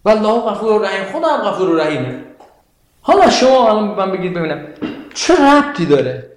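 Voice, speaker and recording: A man giving a lecture on Quranic verses to a class, animated and questioning his listeners, reciting Arabic verses slowly. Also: sits high. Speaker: religious teacher. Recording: very echoey room.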